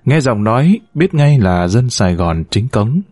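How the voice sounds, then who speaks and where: A man's voice: mid-range voice, very animated, measured pace, a little mellow, no room sound. Male storyteller, dry close sound. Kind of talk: scripted narration.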